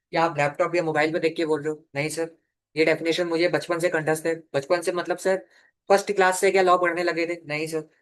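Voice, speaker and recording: Man dictating a slow law lecture. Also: on the high side, a bit bright. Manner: dictates slowly, asks and answers his own questions. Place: classroom or studio.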